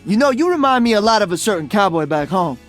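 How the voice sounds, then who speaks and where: An actor voices a cocky young male DJ hero in a video game, delivering upbeat, friendly character lines that are breezy, exuberant and slangy. His voice sits high with big pitch swings and a fast pace, and faint music plays behind.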